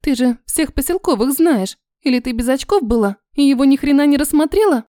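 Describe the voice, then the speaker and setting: A brash, bossy young girlfriend, as a woman reader puts her on, talking crudely and giving orders. The voice sits fairly high, with a mellow tone in a dry, close recording. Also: animated, brisk, no echo. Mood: nosy. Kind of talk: audiobook character voice.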